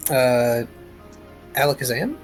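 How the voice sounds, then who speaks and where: A man's voice: medium pitch, lively intonation, takes it slowly, faint music behind. A man running a tabletop role-playing game, narrating and chatting casually as game master.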